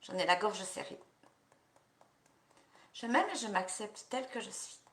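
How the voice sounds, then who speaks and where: A woman practitioner leading a guided EFT tapping session, repeating slow affirmations and coaching listeners between phrases. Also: medium pitch, big pitch swings, fairly bright tone, roomy sound.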